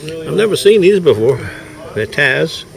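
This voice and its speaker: An older man with a fairly high, gravelly, sing-song voice speaks a little slowly, giving folksy running commentary on his knife sharpening at an outdoor farmers market. He laughs often, and the rough handheld-camera recording picks up faint outdoor noise.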